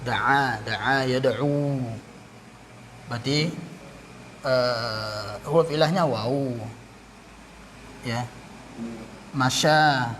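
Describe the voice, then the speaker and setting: Slow, deliberate male grammar teacher. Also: mid-range voice, a bit bright, slight background noise. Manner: repeats terms, pauses, corrects himself. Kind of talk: classroom grammar lesson.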